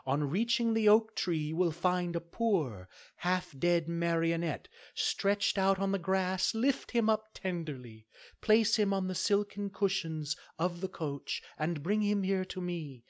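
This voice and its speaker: A man voicing a kind, ancient fairy woman who gives gentle commands. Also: high voice, animated, unhurried, voice pushed up.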